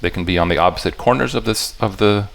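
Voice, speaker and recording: A man's voice: fairly low pitch, vocal fry, a bit bright. A man giving an explanatory talk to a live audience about puzzle patterns, often stopping to restart and rephrase his sentences and checking in with listeners. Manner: halting and self-correcting, stops to restart sentences; talks directly to the audience with checking questions.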